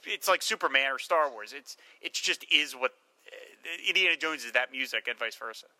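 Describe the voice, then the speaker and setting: A man's voice: medium pitch, animated, normal speed, pushed and bright, no echo, rough recording. A man hosting a casual film podcast, speaking in an enthusiastic, emphatic way. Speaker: podcast host.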